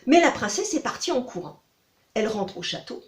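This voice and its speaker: A woman tells a fairy tale for children, expressive and fond of repeating words for effect. Her voice sits fairly high and swoops up and down with lively pitch. The recording has the ring of an echoey library room. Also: a little fast. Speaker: storyteller. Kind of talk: storytelling for children.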